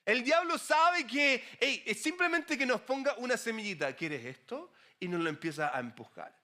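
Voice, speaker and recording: Bright-voiced male pastor preaching. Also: very high voice, moderate pace. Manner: conversational, animated preaching with asides to the congregation. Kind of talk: sermon.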